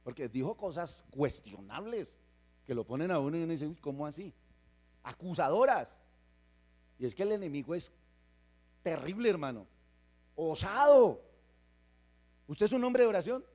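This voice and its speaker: A man preaching in church, his somewhat high voice swooping up and down as he stresses his points. He fires rhetorical questions at the congregation in an emphatic sermon style. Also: very animated, moderate pace, pauses often, darkish tone. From Colombia. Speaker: pastor.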